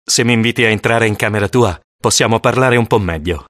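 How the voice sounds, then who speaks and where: Reader playing a vampire dad, deep, affable, persuasive, dry close sound. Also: a little fast, a bit bright, no room sound, close to an everyday voice. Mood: coaxing. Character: vampire father, friendly and coaxing.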